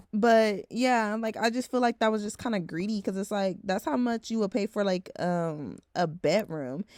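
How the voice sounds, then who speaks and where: A woman's voice: medium pitch, darkish tone, no echo. A woman around twenty, talking frankly in a casual vlog, swearing now and then and saying "like" a lot. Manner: heavy use of filler "like". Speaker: vlogger.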